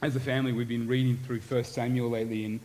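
Male pastor, middle-aged, earnest sermon delivery, mid-pitched voice, swings from lively to hushed. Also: quick pace, poor audio.

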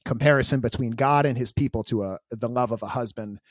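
A man's voice: medium pitch, fast talker, no room sound. Dry-sounding man hosting a podcast. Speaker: podcast host. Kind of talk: casual chat.

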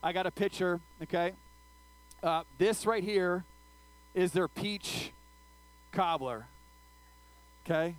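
Man with a high voice, youth pastor, casual sermon, animated, keeps asking "okay?", tells funny stories. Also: slow, pauses often, rough recording. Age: adult, older than his teen listeners. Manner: animated, checks in with listeners after nearly every sentence; tells funny personal stories, acting out his own screaming.

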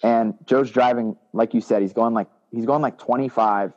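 A man in a relaxed chat, retelling a shared band story from his own memory. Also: mid-range voice, moderate pace, long reverb tail. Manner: laid-back, chiming in and retelling from his side. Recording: dull lo-fi sound.

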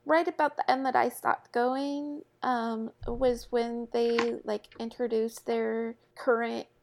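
A woman co-hosting a casual podcast chat, talking in a halting way and often restarting her sentences. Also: fairly high pitch, level tone. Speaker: podcast co-host.

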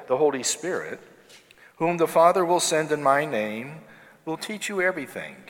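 A man delivers a solemn Gospel reading at a slow, deliberate pace. His medium-pitched voice carries through a large church with long, cathedral-like reverberation. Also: fairly bright tone. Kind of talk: solemn liturgical scripture reading.

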